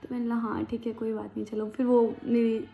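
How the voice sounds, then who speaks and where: A woman's voice: fairly high pitch, flat delivery, fairly quick, gravelly, mellow. Chatty young woman telling a story. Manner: chatty, slangy, dramatic retelling. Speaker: vlogger. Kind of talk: casual storytime chat. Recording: dull lo-fi sound with faint background noise.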